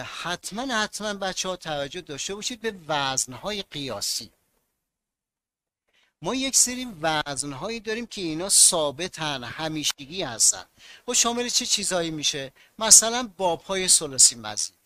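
Bright-voiced man teaching a class. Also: on the high side. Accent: Mashhad. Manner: explains patiently, asks students questions and answers them himself. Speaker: Arabic grammar teacher. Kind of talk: online class lecture.

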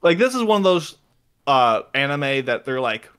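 A man's voice: mid-range voice, sing-song, normal speed, a bit bright, clear, resonant tone. A man co-hosting a podcast, chatting casually and enthusiastically with lots of fillers. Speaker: podcast co-host. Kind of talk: casual chat, recommending an anime.

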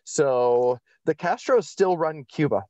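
A man appearing as a podcast guest tells stories and explains things conversationally and emphatically, often correcting himself. His fairly high voice is animated and warm, yet slow-paced. The recording is dry, slightly dull and lo-fi.

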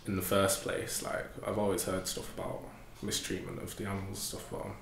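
A twenty-year-old man giving unsure interview answers, slow and drawn out. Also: sits low, monotone, creaky, reverberant, a little hiss or hum. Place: indoor room, seated in armchair.

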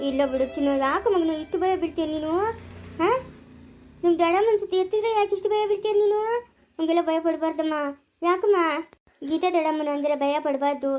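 Woman doing a village mother, sharp-tongued, very high, rapid talk. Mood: soothing. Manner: scolding workers, cooing to baby.

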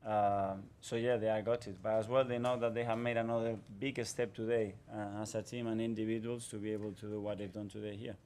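Man, 40s, football manager at a post-match press conference, low voice, flat delivery, measured and guarded, table mic. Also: slight background noise. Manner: measured, guarded, repeats phrases. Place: press conference room in front of a sponsor backdrop. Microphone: table microphone.

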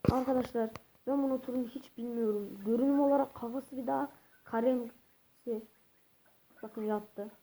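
A woman's voice: on the high side, fairly even intonation, moderate pace, long pauses, warm tone, slight background noise, rough recording. A woman vlogging casually while handling ducks, rambling, calling her viewers friends and correcting herself. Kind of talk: casual vlog talk to viewers.

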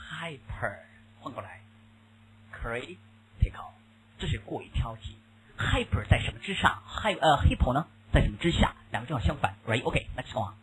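A man's voice: a little high, a little hiss or hum, rough recording. A man teaching an English lesson in Mandarin Chinese, mixing in English words and often asking the class questions, with a Mandarin Chinese accent. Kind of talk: classroom lecture.

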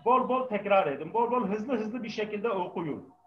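A man's voice: high-pitched, lively intonation, normal speed, soft background music. A male language teacher patiently drilling his class, his voice carrying a heavy echo from the microphone. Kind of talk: live class lesson with student call-and-response. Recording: echoing, dull microphone sound.

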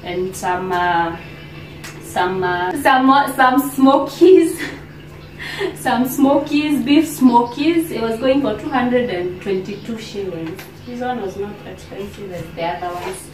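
Kenyan woman in her thirties, casual vlog chat full of fillers and pauses, filmed from across a roomy kitchen. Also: fairly high pitch, a little mellow. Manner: chatty, unhurried, many fillers and pauses. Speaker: vlogger. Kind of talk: casual grocery haul vlog. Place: home kitchen, indoors. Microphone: camera on the counter, a few steps away. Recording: roomy kitchen, distant camera, background hiss.

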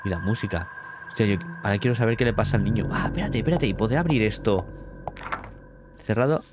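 A man's voice: on the low side, fast talker, noisy background. A man from Spain with a Spanish accent, streaming a horror game, reading its text aloud and reacting with startled exclamations. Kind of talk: casual let's play commentary.

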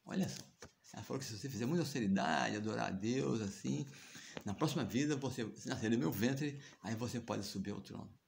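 Gravelly Brazilian man telling a story. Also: medium pitch, fairly quick, darkish tone, slight background noise. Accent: Brazilian Portuguese. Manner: chatty, frequent tag questions and chuckles. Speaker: devotional teacher. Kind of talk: casual storytelling of scripture.

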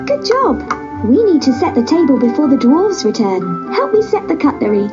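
A sweet, polite young princess from a storybook game, as a woman voices her. Her high, lilting voice sounds bright and encouraging. Music plays behind her, and the sound is slightly dull and lo-fi. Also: very animated, moderate pace. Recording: lo-fi recording over music.

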